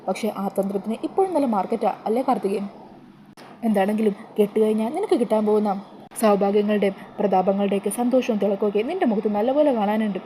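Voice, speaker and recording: A woman's voice: mid-range voice, dark tone, a little hiss or hum, lightly acted. A woman reading as a menacing young groom. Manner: threatening, taunting. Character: menacing young man, a groom threatening his bride.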